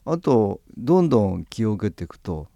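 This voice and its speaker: Low gravelly man, calm radio host. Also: normal speed, no room sound, clean studio sound. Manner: calm, gentle, explaining with soft laughs. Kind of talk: relaxed radio chat about qi healing.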